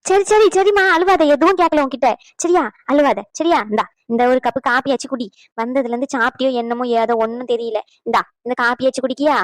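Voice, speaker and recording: A woman voicing a sharp-tongued, caring mother-in-law in a cartoon, scolding and coaxing. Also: sits high, dry recording, natural voice, poor audio. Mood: soothing. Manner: scolding, fast and bossy. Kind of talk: cartoon dubbing.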